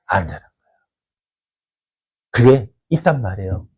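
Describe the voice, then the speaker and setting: A man preaching a sermon as pastor of a church, putting questions to the congregation and answering them himself, and acting out quoted voices with sudden jumps in pitch and loudness. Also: sing-song, unhurried, husky.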